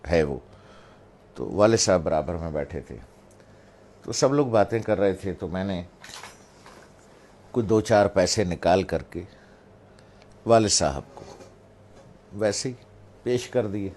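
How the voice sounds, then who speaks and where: Low-voiced man telling a story. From Pakistan. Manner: relaxed storytelling, pointing out gestures as he speaks. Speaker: speaker giving a moral talk. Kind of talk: personal anecdote in a talk.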